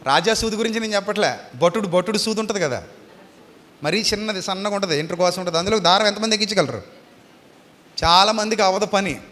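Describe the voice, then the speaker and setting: A man's voice: high voice, fast, a bit bright, in a large hall. A man preaching an Easter sermon, firing rhetorical questions at the audience in an emphatic, repetitive cadence.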